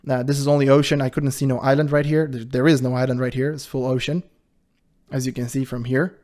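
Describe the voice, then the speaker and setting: Talking quickly, this man hosts his channel with a high-pitched voice, giving relaxed commentary on a video he's reacting to. He gets animated and defensive and laughs often.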